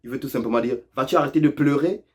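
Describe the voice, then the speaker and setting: A man's voice: medium pitch, fast talker. A man hosting a casual lesson on local expressions, playful and teasing, who laughs often and repeats phrases for effect. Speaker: YouTube host explaining Quebec French expressions.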